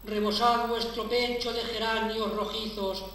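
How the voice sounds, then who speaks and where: Brief: man, fervent poetry reading, high voice, echoey distant recording. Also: little pitch movement, a little slow, pushed and bright. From La Mancha, Spain. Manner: solemn, impassioned declamation. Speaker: prize-winning poet. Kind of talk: poetry recitation at an awards ceremony. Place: large hall at a public ceremony. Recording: echoey hall, distant mic, faint hiss.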